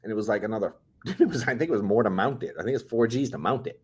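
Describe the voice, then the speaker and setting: A man's voice: on the low side, rapid-fire, breathy edge. A man co-hosting a podcast, chatting casually with lots of laughter, slang and swearing. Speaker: podcast co-host. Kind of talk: casual chat.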